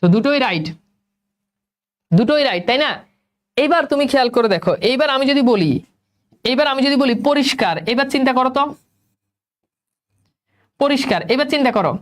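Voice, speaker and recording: Young man teaching, high voice. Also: lively intonation, brisk, long pauses, a bit bright. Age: young adult. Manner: repeats questions, prompts students to answer. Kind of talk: spelling lesson to students.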